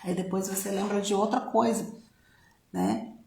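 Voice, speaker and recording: A woman's voice: medium pitch, steady tone, a little slow, gravelly, a little mellow. A woman with a Brazilian Portuguese accent giving a reflective personal talk, conversational and full of tag questions. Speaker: speaker on self-knowledge. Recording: roomy echo.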